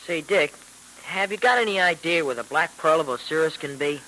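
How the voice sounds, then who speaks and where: A man's voice: a little high, lively intonation, fairly quick, bright, forceful tone. An actor in old radio drama style playing an eager, admiring boy sidekick with earnest, slangy talk. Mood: curious, admiring. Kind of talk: 1940s radio drama acting. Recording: noisy vintage radio recording.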